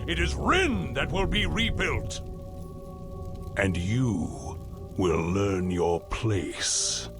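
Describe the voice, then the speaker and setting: A man's voice: fairly low pitch, big pitch swings, drawn-out words, exaggerated voice. A man playing a proud, stubborn, wrathful old king and father, imperious and theatrical, in a video game cutscene. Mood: scornful, imperious. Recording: loud music behind. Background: loud music.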